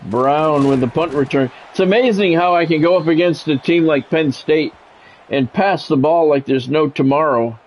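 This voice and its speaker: On a live stream, a man calls the action of a football video game, blending in plain-spoken, grumbling chat with the play-by-play. His voice sits on the high side at a normal speed, with a darkish tone. The recording is low quality and carries a little hiss or hum.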